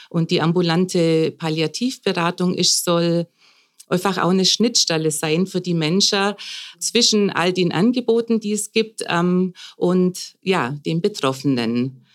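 A woman in her fifties, a palliative care coordinator, explaining her work at length in a conversational podcast interview, with fillers and pauses. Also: fairly low pitch. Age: 50s.

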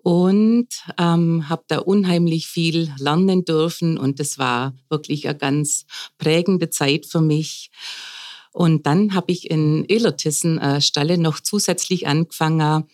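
A woman in her fifties, a palliative care coordinator, explaining her work at length in a conversational podcast interview, with fillers and pauses. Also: low voice, fairly even intonation, darkish tone. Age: 50s.

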